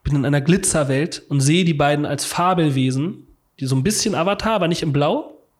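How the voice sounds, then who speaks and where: A man telling a story in casual conversation, animated, vocalizing sounds and repeating words as he goes. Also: a little high, fairly quick.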